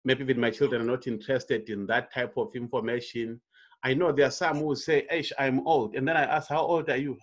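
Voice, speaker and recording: A man in his fifties, a network marketing coach, giving an online coaching presentation in an unhurried way, with frequent fillers and restarts. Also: medium pitch, a bit bright. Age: 50s. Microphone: computer mic on a video call.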